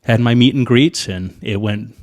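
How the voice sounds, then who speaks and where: A man with a Northern Irish accent, an airline pilot guest in a casual interview, telling stories animatedly and acting out the people he quotes. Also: normal speed. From Northern Ireland. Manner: animated storyteller, acts out quoted voices with big pitch jumps.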